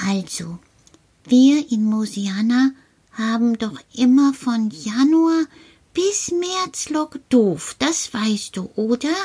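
A woman performs a friendly little male creature from an underground burrow, in a children's puppet-style dialogue. The voice sits high and moves slowly, patient and coaxing, often sinking into a hushed whisper. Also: animated, husky, full character voice. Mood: cheerful, explaining. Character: cheerful little male cave-dwelling earth creature.

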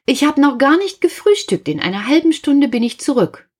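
A woman doing a squeaky, fretful hedgehog. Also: sing-song, moderate pace, a little mellow. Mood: evasive. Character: anxious, boastful little male hedgehog.

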